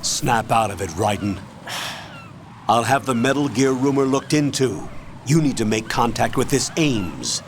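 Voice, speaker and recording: A man's voice: mid-range voice, animated, a little slow, slight background noise. An actor playing a male military colonel who gives firm orders. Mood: commanding.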